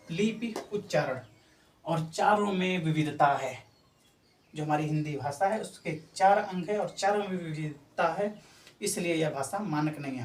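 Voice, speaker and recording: A male teacher giving an exam-prep lecture. He explains things patiently, repeats each example several times and keeps checking in with his listeners. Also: sits high. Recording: echoey room from far off, faint noise.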